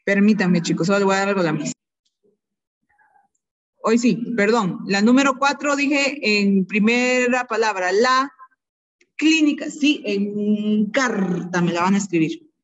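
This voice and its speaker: Slow-dictating woman teacher, lo-fi sound. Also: mid-range voice. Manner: dictates word by word, repeating and spelling out accents. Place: classroom.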